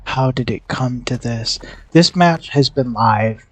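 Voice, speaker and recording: Slow-talking man streaming a game. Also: medium pitch, no room sound. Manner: chatty, reacts loudly and reads chat aloud. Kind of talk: live gameplay commentary.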